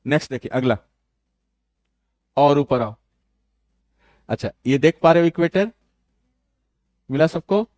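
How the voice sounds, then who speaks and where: A man's voice: on the high side, lively intonation, a little slow, pauses often, a little mellow, no room sound. A male geography teacher lecturing a classroom, switching between Hindi and English and repeating key names for students.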